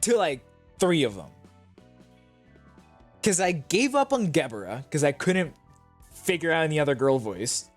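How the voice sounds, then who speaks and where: A man's voice: on the high side, very animated, a little slow, long pauses, faint music behind. A man streaming a video game, chatting casually and swearing while he reads and voices the dialogue. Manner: swears casually, laughs, reads lines aloud in character.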